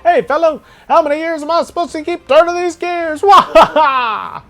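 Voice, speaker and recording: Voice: normal speed, a bit bright. A player putting on a cackling old windmill man. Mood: sing-song lament. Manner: sing-song, high, cackling laugh.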